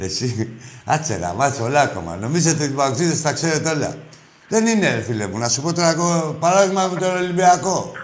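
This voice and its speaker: A man's voice: on the high side, lively intonation, roomy sound. A man hosting a sports call-in radio show, arguing with callers in a brash, crude, combative way. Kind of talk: heated call-in argument.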